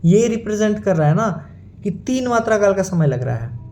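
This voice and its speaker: A man gives a teaching lecture. His voice sits high, with a warm, mellow tone. He keeps asking his listeners questions and then answers them himself. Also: very animated, fairly quick, a little hiss or hum. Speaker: Sanskrit teacher. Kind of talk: classroom-style lecture.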